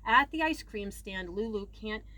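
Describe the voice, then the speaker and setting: This storybook reader, a woman with a mid-range voice, reads a children's picture book at a measured pace. She's expressive, punching key words and varying her loudness, while background noise is plainly audible.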